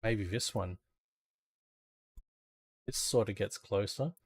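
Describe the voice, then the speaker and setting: A man's voice: on the low side, slow pace, slightly rough, dry recording, clean studio sound. An Australian man streaming games, chatting in a casual, rambling, laid-back and sweary way. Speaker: game streamer. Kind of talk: casual rambling livestream chat.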